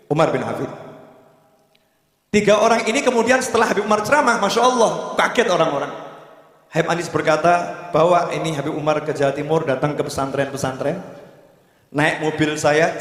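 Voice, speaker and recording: A man giving a sermon to a gathering, telling a story and then urging the crowd on loudly. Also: a little high. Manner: storytelling, rising to loud exhortation. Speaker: preacher. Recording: echoey hall with long reverb.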